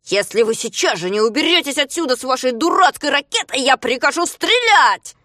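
A woman voicing an angry male police commander who yells threats. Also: high voice, very animated, a little fast, dry recording, clean studio sound, pitched above the performer's own voice, heavily acted. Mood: yelling. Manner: shouting, shrieking threats.

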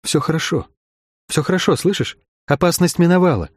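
A man reading the lines of a young woman who guides lost souls in an audiobook, keeping her soft and steady but urgent. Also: fairly high pitch, fast, dry recording, pitched above the performer's own voice. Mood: soothing.

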